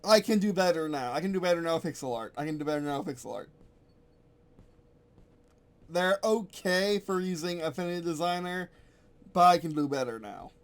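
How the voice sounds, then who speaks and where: Reworking his game rules on stream, this designer muses out loud at his computer in a casual ramble, often correcting himself. He speaks in a fairly high voice, a little fast, with long pauses.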